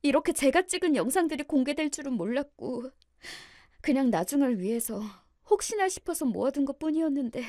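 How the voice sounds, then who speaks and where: A woman's voice: high-pitched, warm tone, dry recording, voice pushed up. A humble young wife, as a woman narrator acts her out, apologizing earnestly in a slightly raised voice. The sound is dry and close. She sounds contrite and careful, a storybook wife at a family feast. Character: young wife pleading tearfully before elders.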